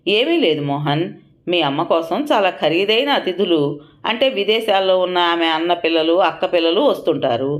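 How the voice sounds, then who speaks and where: A woman's voice: fairly low pitch, expressive, a little fast, close to an everyday voice. A woman voicing a defiant young daughter-in-law who talks bluntly and sarcastically. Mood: defiant, sarcastic.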